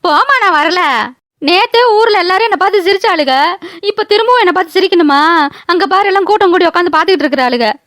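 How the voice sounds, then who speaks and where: A woman's voice: extremely high pitch, expressive, quick pace, a bit bright, dry recording, studio quality. A woman voicing a sulky, sleepy young village daughter in a cartoon, whining and complaining. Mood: whiny. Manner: whiny, complaining. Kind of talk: cartoon voice acting.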